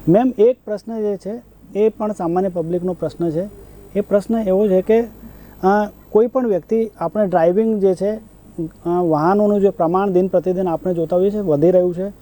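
A man hosts a news discussion. He puts questions to his guest and the viewers in a formal, polite way. His voice is high yet very mellow and dark in tone. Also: steady tone, normal speed, poor audio. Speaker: show host.

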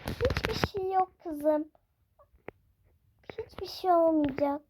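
A girl voicing a gentle young mother who comforts her child again and again in a game role-play. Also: very high voice, slow pace. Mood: soothing. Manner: reassuring, repetitive comforting. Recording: noisy home recording.

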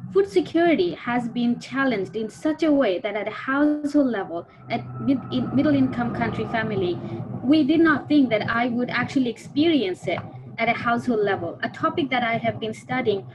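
A woman in her thirties from Bangladesh talks on an online panel in a fairly high voice. She tells a personal story with earnest weight. Her voice comes through a video call. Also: muffled recording, noisy background. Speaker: panelist, food security researcher. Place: indoors before a virtual backdrop.

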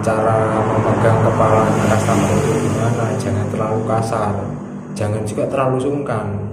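A man giving job tips as a barber vlogger, talking straight to the viewer in a casual, instructive way. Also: medium pitch. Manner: instructive, speaks to viewer directly. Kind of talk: casual advice vlog. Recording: echoey room with loud noise.

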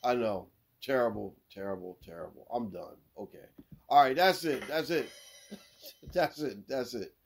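A man's voice: medium pitch, unhurried, vocal fry, slightly rough. Man laughing at his own corny jokes. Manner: lively, swings between loud and mumbled. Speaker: podcast host. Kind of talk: casual joke-telling.

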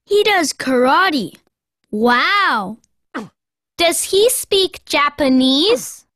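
A bright, upbeat young friend in a scripted textbook dialogue. The voice sits high and lively, speaks slowly, and sounds dry and close. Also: female voice, no echo, exaggerated voice. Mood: cheerful.

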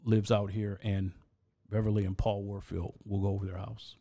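Mellow-voiced man telling life stories. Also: fairly low pitch, level tone, moderate pace, vocal fry. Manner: earnest, often restarts with repeated words. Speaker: podcast guest. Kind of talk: storytelling in casual chat. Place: podcast studio.

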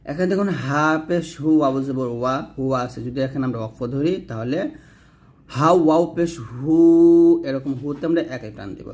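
A man teaching correct Quran recitation, drawing out each word slowly, then explaining pronunciation quickly and asking listeners to repeat after him. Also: medium pitch, a little mellow. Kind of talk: slow recitation lesson with explanations.

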